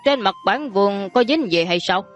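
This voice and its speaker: A woman voicing a vain, plump older prince who grumbles in a slow, huffy way. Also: mid-range voice, expressive, soft background music, natural voice. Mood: polite.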